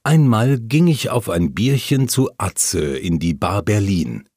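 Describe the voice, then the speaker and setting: A man reading a first-person memoir aloud, telling the story calmly and plainly while voicing the quoted lines. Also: on the low side, slow pace, husky, no room sound, studio quality. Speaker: audiobook narrator.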